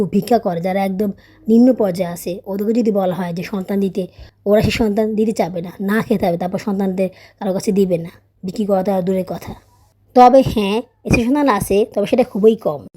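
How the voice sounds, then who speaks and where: Young woman vlogger, casual voice-over, quick and mellow, chatty storyteller. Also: medium pitch. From Bangladesh. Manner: chatty, storytelling, often adds tag questions; raised, scolding teacher voice when tutoring her child. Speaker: vlogger, mother.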